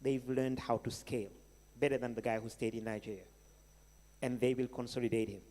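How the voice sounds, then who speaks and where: A man's voice: medium pitch, steady tone, brisk, mellow. A man with a Senegalese accent answering questions as a keynote speaker, conversational and emphatic, with rhetorical questions. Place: large hall at a live event. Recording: echoey hall with long reverb.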